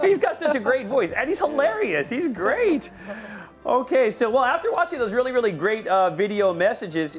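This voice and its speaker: High-voiced, animated man hosting a livestream. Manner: energetic, upbeat. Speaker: livestream host.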